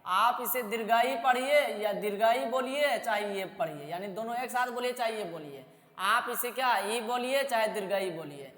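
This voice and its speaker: A woman teaching a grammar lesson to school students, drilling drawn-out vowels and checking in with "है ना" as she goes. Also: on the high side, expressive, a bit bright. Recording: echoey room with long reverb.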